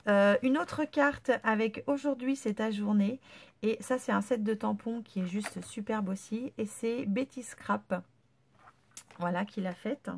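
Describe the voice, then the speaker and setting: A woman's voice: medium pitch, a little slow. A woman with a stuffy nose from a cold, chatting casually and gushing over scrapbooking swaps. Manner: gushing, chatty, lots of fillers. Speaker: scrapbooking vlogger. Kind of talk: casual unboxing chat.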